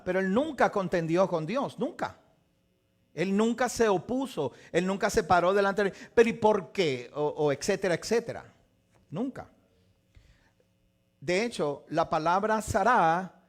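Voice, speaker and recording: A man teaching a live Bible lesson, asking his audience questions and acting out the voices of biblical figures. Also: fairly high pitch. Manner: animated, asks the audience questions, acts out quotes. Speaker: teacher of a Torah portion study.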